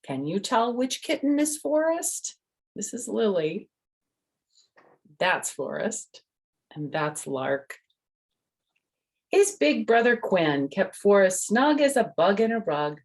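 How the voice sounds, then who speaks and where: Gravelly, with a breathy edge and a lowish pitch, an older woman's voice tells a picture-book story to children. As storyteller and host, she explains gently and drops in chatty asides and questions to whoever's listening.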